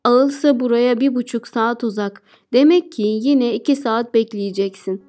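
A woman voicing a cunning female giant who eats children, speaking slowly in a raised, calling voice. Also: fairly high pitch, warm tone, lightly acted. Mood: coaxing.

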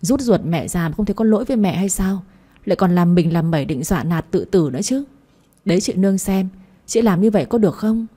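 A woman's voice: medium pitch, expressive, quick pace, warm tone, breathy edge. A woman voicing a scornful young daughter-in-law who mocks and insults her in-laws. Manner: mocking, insulting.

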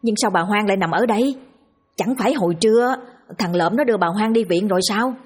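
A woman's voice: medium pitch, a little fast, darkish tone, breathy edge, natural voice. A woman voicing a frightened middle-aged village wife in a spooky audio story, wailing and pleading.

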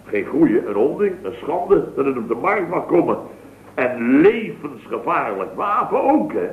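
A man with a fairly high voice, big pitch swings and a measured pace performs in a 1960s radio sketch. His character is a boastful wisecracker at a building firm telling a chatty, rambling anecdote with punchy comic asides, and the old broadcast is tinny, noisy and echoey.

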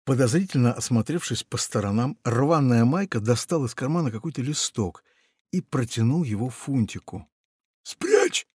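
A male narrator tells a children's tale with playful, expressive phrasing. His voice is slightly husky and swings widely in pitch. It is recorded dry and close. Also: normal speed, no room sound.

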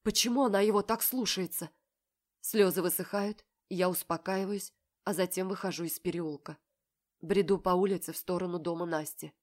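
A woman's voice: fairly low pitch, steady tone, normal speed. Woman narrating an emotional first-person audiobook. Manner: emotional, heartbroken storytelling.

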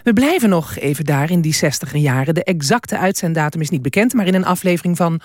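Calm radio presenter, dry sound. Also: mid-range voice, quick pace, no echo.

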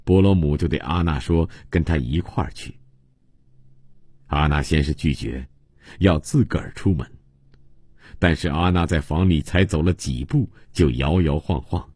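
Male audiobook reader, very low husky voice, dry studio sound, steady and measured. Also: no echo. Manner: measured, even storytelling delivery. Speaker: audiobook narrator. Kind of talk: scripted novel narration. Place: radio studio. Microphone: close studio microphone.

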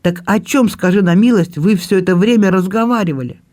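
A man playing a gentle teasing brother. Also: high-pitched, a little fast, natural voice. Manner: soft, kindly, gently joking.

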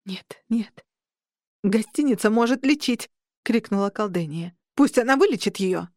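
A woman reading the lines of a fierce sharp-toothed sorceress who growls and shouts urgently. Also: on the high side, slow, dry recording, studio quality.

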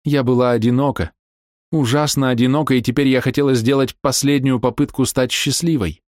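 A man's voice: medium pitch, fairly even intonation, brisk, darkish tone, no echo, clean studio sound, voice pushed up, close to an everyday voice. A man voicing a lonely, self-doubting woman of forty who pleads tearfully in an audiobook reading.

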